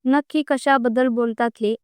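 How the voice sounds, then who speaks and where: A woman's voice: on the high side, steady tone, normal speed, a little mellow, clear, resonant tone, dry recording, studio quality, close to an everyday voice. A woman voicing a stern, irritable young man who scolds bluntly in a storybook reading.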